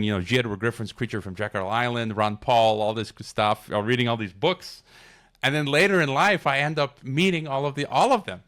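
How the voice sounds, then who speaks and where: A middle-aged man from Chicago, United States, talks as a podcast guest in a casual interview conversation. His voice is on the low side and a bit bright, and he rambles and digresses with many restarts.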